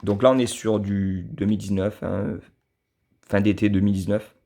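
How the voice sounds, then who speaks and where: A man with a southern French accent talks casually about his collection, his low voice catching in a gravelly fry. The tone is mellow and dark, and he stops often with fillers and restarts, sounding fond of what he shows. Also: flat delivery, normal speed. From southern France. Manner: hesitant, many fillers and restarts, fond and admiring. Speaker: die-cast model car collector reviewing his cars. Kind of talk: casual unscripted review.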